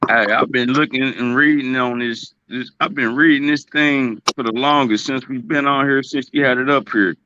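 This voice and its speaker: A man's voice: medium pitch, steady tone, moderate pace, hardly any pauses, sharp tone, smooth, muffled recording. An American man chatting casually in slang, often repeating his phrases. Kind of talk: casual chat.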